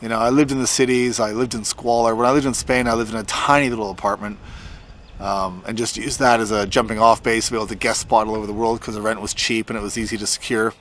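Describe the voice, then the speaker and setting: A man's voice: fairly low pitch, fairly even intonation, quick pace, a bit bright, slight background noise. Casual fifty-year-old man talking to camera. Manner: informal, conversational. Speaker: tattoo artist vlogger. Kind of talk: casual update talk to camera. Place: outdoors in a farm front yard.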